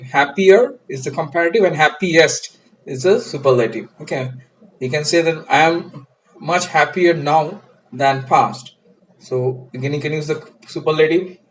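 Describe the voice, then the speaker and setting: Man teaching English grammar, slightly high. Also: rough recording. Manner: patient, repeats "right?" and "crystal clear". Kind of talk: explaining grammar lesson.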